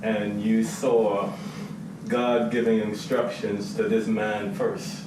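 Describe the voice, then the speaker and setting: A man's voice: lowish voice, level tone, slow. A man from the Bahamas on a talk panel, speaking in a preacherly way and quoting scripture. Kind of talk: panel discussion. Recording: very echoey room from far off with noise.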